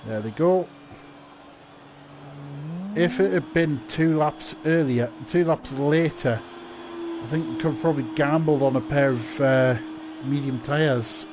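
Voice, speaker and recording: A man commentating live on a motor race, calling the action in drawn-out phrases. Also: fairly high pitch, background noise. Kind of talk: live online sim racing commentary.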